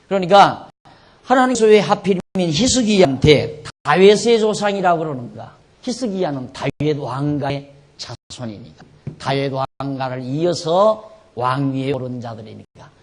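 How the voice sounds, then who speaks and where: A middle-aged man preaching an expository sermon as pastor, emphatic, asking rhetorical questions and swinging between loud and soft. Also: fairly high pitch, expressive, moderate pace.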